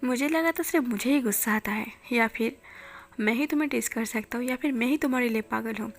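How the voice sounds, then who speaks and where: A woman's voice: a little high, a little fast. A woman voicing a playful, teasing young man in a light way, with faint music behind.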